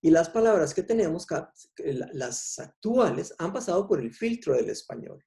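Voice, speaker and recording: A man with a Costa Rican accent giving an explanatory public talk on language history, unhurried and pausing often with "eh". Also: a little high, big pitch swings, vocal fry, mellow. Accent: Costa Rican Spanish. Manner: unhurried, explanatory, frequent "eh" pauses. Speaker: lecturer.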